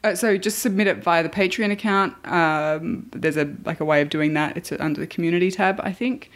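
A woman's voice: fairly low pitch, fairly quick. An Australian woman hosting a podcast in a casual, chatty style. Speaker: podcast host.

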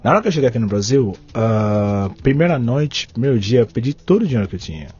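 A man from Nigeria with a Nigerian accent, a podcast guest telling stories in a lively way, laughing and restarting often. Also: medium pitch, fast, breathy edge. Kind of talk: casual storytelling. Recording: dull lo-fi podcast recording.

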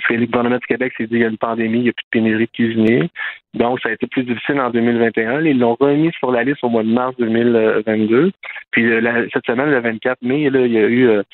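A man's voice: mid-range voice, steady tone, fast. A man with a Quebec French accent explaining things as a guest in a radio interview. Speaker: interview guest, immigration professional. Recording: tinny narrow-band phone line.

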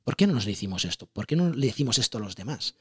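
A man with a Spain Spanish accent explains his ideas as an interview guest, chatty and animated. His voice is a bit husky, and he talks at a quick clip. The sound is dry and close. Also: mid-range voice, dry recording. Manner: animated, chatty, asks rhetorical questions. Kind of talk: casual explanatory interview talk.

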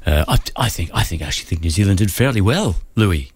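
A man with an Irish accent hosting a radio sports show, bantering in a jokey, quick-witted way. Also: sits low, lively intonation, husky. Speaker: radio host. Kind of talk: casual radio chat.

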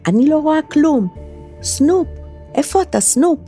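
A hurt, upset young girl cries out in a high, shrill voice, as a woman reading a storybook aloud puts her on. Her voice still keeps a soft, mellow warmth. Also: expressive, soft background music. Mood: panicked.

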